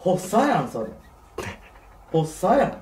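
Man, Kansai accent, accusing banter, very animated, distant and noisy recording. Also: sits high, slow pace. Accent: Kansai Japanese. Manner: incredulous, accusing. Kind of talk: casual bantering. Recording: echoey, distant, clearly noisy.

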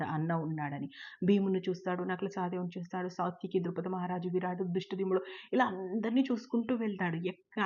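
A woman's voice: mid-range voice, darkish tone. A woman retelling an old epic in casual everyday speech, with fillers and restarts, in a dull lo-fi recording. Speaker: storyteller.

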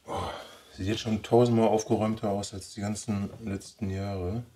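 A man's voice: fairly low pitch, flat delivery, moderate pace, mellow, slight background noise. A man with a Ruhr German accent, thinking aloud in casual commentary as he works on a bonsai. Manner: thinking aloud, muttering while he trims. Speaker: bonsai vlogger. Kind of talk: casual commentary while working.

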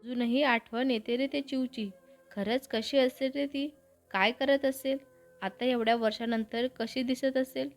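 A woman's voice: sits high, steady tone, measured pace, faint music behind. Woman reading as cocky young man Sagar. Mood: wistful. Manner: teasing, boastful.

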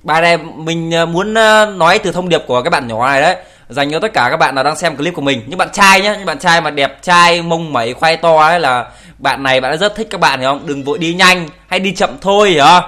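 A man's voice: on the high side, a little fast, bright, forceful tone, soft background music. A young man casually commenting on video clips, teasing and joking, laughing often and swearing in English. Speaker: YouTuber reacting to videos.

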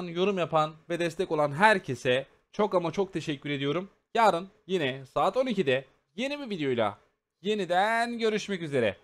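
A man hosting a gaming channel, giving excitable live commentary on a shooter match and chatting casually with his viewers. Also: high-pitched.

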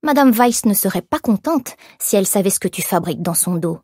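A woman voicing a leering, drunken male shop clerk who mocks and taunts, in a husky voice. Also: medium pitch, expressive, moderate pace, a little mellow, no room sound, studio quality, natural voice. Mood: taunting. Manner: sneering, taunting.

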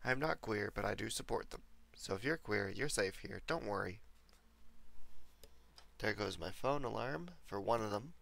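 A young man with a lowish, gravelly voice and a bright edge, getting over a cold. He rambles casually to his viewers while streaming a game, talking into a desk mic. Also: expressive, normal speed, long pauses. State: recovering from a cold. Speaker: livestreamer. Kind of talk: casual gameplay commentary.

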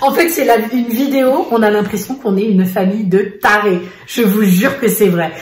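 A woman vlogger and mother in casual chat to a face camera, telling a family story in an animated way with lots of fillers. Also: mid-range voice, normal speed. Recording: echoey room.

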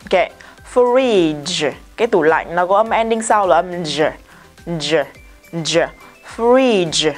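Vietnamese-accented female English teacher, careful slow drills, brisk asides, faint music bed. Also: on the low side, animated. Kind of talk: vocabulary pronunciation lesson.

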